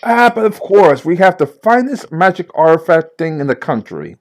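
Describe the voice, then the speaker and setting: A man's voice: fairly high pitch, very animated, normal speed, pitched above the performer's own voice. A man voicing a chirpy woman secretary at a detective agency, sing-song and overly polite.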